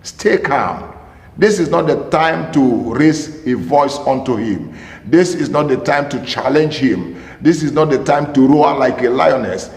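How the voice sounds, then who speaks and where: A pastor and marriage counselor with a medium-pitched, darkish voice gives an emphatic teaching talk to camera. He repeats key phrases and poses rhetorical questions, and the room carries a long reverb.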